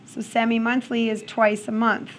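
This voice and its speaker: A woman's voice: a little high, level tone, normal speed, slight background noise. A woman teaching math to a class in a classroom, working problems aloud and often checking in with "okay?". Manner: checks in with questions, frequent "okay?". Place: classroom with students.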